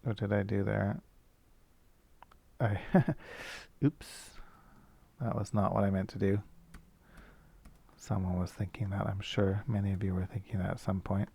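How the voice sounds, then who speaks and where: A man's voice: lowish voice, steady tone, unhurried, creaky, pauses often, dark tone, slightly rough. A male teacher thinking aloud as he works through a coding problem, casual and self-correcting. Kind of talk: screencast coding lesson.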